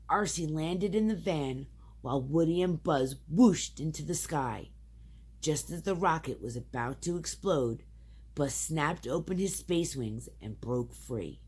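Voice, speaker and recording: Young woman, storybook reader; low pitch, unhurried, expressive. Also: husky. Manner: expressive, sing-song storytelling. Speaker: parent reading to her child. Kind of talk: reading a children's storybook aloud.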